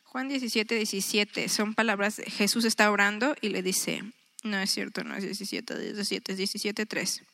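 A woman's voice: medium pitch, steady tone, normal speed, gravelly, sharp tone. A woman in her thirties giving a chatty, earnest devotional talk to a women's group, often acting out her own thoughts. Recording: long reverb.

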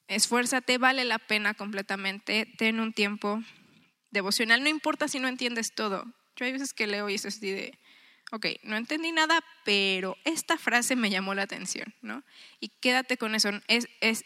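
A woman in her thirties gives a chatty, earnest devotional talk to a women's group, often acting out her own thoughts. Her voice is on the high side, bright and forceful, and the recording carries a long reverb.

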